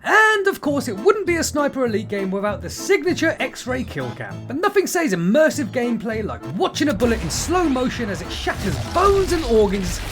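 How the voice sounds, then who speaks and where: A man's voice: very high voice, very animated, normal speed, few pauses, a bit bright, faint music behind. A man hosting his channel, giving a scripted, sarcastic game review with punchy jokes. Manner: sarcastic, punchy, jokey delivery. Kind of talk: scripted comedic review narration.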